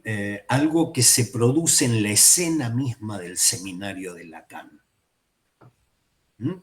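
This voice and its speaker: A man teaching a seminar class. He speaks in a measured way, repeats his phrases and checks in with his listeners. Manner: varies loudness and pitch for emphasis. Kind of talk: lecture on psychoanalysis.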